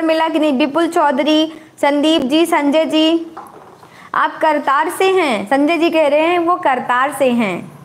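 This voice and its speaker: A middle-aged housewife hosting a casual live stream, chatting and teasing back as she reads viewer comments. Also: sits high.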